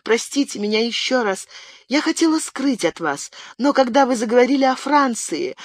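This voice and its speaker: A woman's voice: fairly high pitch, no echo, studio quality, voice pushed up. A man voicing a distraught young woman in an audiobook, speaking in a trembling, pleading way. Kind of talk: audiobook character voice.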